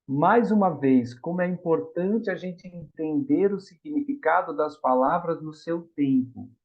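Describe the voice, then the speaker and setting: A man's voice: fairly high pitch, unhurried. A middle-aged man with a Brazilian Portuguese accent giving a spiritist lecture, telling stories and acting out the voices in them. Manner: animated storytelling, acts out quoted voices. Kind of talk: public lecture on the gospel. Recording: dull lo-fi recording.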